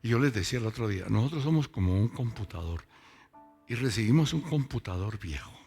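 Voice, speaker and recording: Low gravelly pastor preaching. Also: male voice, lively intonation, fairly quick, darkish tone, soft background music. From Boyacá, Colombia. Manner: conversational, asks the congregation questions. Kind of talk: sermon. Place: church service with congregation.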